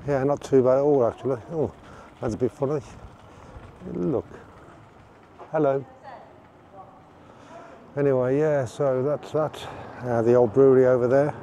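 A man giving a casual outdoor walking tour, relaxed and rambling with fillers. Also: medium pitch, unhurried, pauses often, a little hiss or hum. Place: outdoors on town streets.

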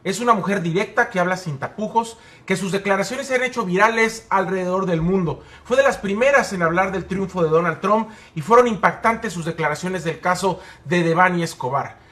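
A man's voice: sits high, brisk, few pauses, a bit bright. A man hosting a TV interview show, introducing his guest theatrically and addressing her affectionately.

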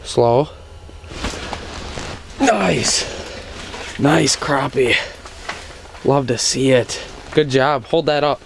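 A man's voice: mid-range voice, extremely slow, vocal fry, long pauses, a little hiss or hum. A young man hosting a casual fishing vlog, upbeat and coaching his cousin with short repeated cheers, recorded on an action camera inside a small ice shelter. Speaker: outdoors channel host.

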